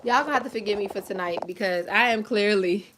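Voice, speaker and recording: A woman's voice: medium pitch, fast talker, background noise. A young woman chatting casually to her viewers in a home pregnancy update vlog, tired and a little out of breath, rambling and laughing often, recorded by a camera set a short way off. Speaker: vlogger. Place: indoors at home, seated in a chair. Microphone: camera set at a distance.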